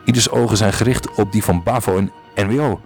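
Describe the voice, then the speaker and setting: A man reading a podcast story aloud, with small slips and restarts, and lifting his voice for the characters. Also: fairly quick. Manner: reads aloud with small slips and restarts, jumps higher for quoted lines. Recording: faint music behind.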